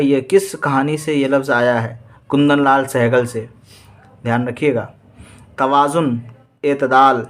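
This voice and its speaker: A man's voice: medium pitch, fairly bright tone. A man with an Indian Urdu accent teaching exam vocabulary. He reads each word with its meaning, repeats it and quizzes his students.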